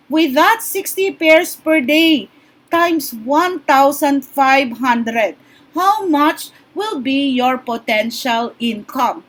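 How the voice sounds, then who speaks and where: A woman presents a business opportunity in an instructional way. Her voice is high and her delivery is slow and deliberate. She repeats key points and punctuates them with short check-in tags. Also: rough recording. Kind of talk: explanatory sales presentation.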